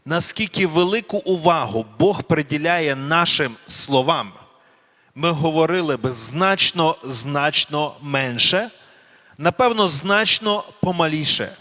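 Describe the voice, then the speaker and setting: A man giving a sermon. He speaks slowly and deliberately and puts questions to the audience. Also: fairly high pitch, a bit bright. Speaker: preacher. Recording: long reverb of a hall.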